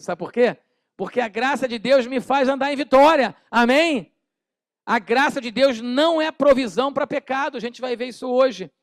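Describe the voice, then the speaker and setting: A man with a Brazilian Portuguese accent preaching a sermon in a church, animated, acting out little scenes and calling on the congregation to repeat phrases after him. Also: high voice, creaky, no echo, studio quality. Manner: animated, acts out little scenes with shouted voices. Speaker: pastor.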